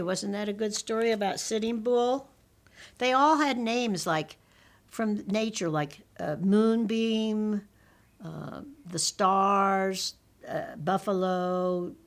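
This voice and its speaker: An older woman tells a children's story in the manner of a grandmotherly elder. She speaks slowly at a middling pitch, often stepping out of the tale to explain things to her young listeners or to correct herself. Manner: elder telling a story, unhurried, with explanatory asides and self-corrections. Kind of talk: informal read-aloud storytelling for children.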